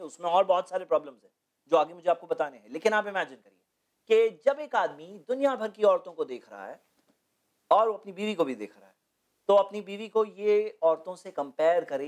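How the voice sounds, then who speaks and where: A man's voice: sits high, a little mellow. A man answering as a guest in a studio TV interview, explaining at length and posing rhetorical questions. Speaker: guest speaker on Islamic topics.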